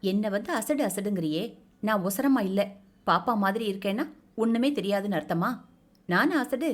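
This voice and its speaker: A woman's voice: medium pitch, animated, moderate pace, natural voice. A woman voicing a short, half-mad grown man who talks like a child and babbles eagerly and insistently. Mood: eager babbling.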